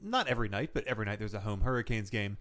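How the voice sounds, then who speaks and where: A man's voice: fairly low pitch, big pitch swings, very fast, fairly bright tone. A man co-hosting a sports talk show, trading jokey banter with the guest.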